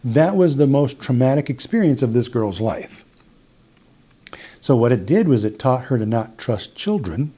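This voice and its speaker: A middle-aged hypnotist with an Upper Midwest American accent tells a long story during casual interview chat, restarting phrases and quoting dialogue. His mid-range voice swings widely in pitch at a normal speed, warm with a breathy edge.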